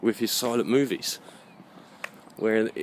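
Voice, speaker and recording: Speaking slowly in a fairly low voice, this British man vlogs through a rambling monologue full of opinions. He stresses his points, poses rhetorical questions and makes sure listeners are following, with slight hiss or hum audible.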